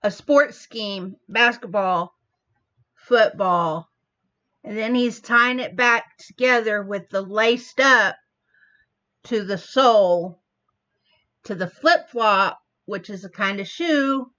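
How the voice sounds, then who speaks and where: A woman hosting a reaction video, slowly explaining the wordplay of a song line by line. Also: mid-range voice, pushed and bright. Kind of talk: casual commentary. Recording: dull lo-fi audio.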